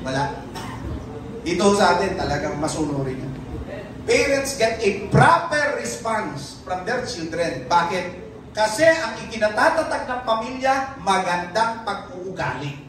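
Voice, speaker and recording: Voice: medium pitch, very animated, a little slow, noisy background. A preacher with a Filipino accent giving a sermon, often turning to the congregation for an amen. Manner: keeps asking the congregation for an amen. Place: church hall. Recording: very echoey room, speaker far from mic.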